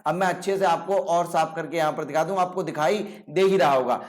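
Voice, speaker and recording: A man's voice: on the high side, fairly quick. A man with a Hindi accent giving an online chemistry lecture, explaining step by step, answering his own questions and checking in with his students. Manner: checks in with "ठीक है ना". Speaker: chemistry teacher.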